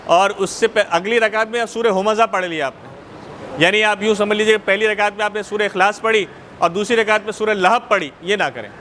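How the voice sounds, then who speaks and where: A man's voice: high-pitched, pushed and bright, a little hiss or hum. A Pakistani man teaching a class on Islamic law in a mosque, repeating points and checking that students understand, in Pakistani Urdu. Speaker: religious teacher.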